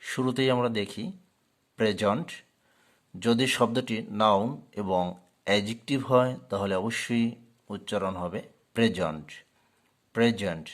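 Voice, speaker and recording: A man teaching English pronunciation, slowly and carefully repeating each word as a drill. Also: on the low side. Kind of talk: pronunciation lesson.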